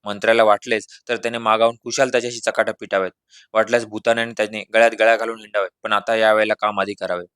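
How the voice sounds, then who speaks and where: Male storyteller, low voice, dry close mic, measured reading of a comic tale. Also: level tone, fairly bright tone, clear, resonant tone, no echo. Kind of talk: scripted humorous story narration.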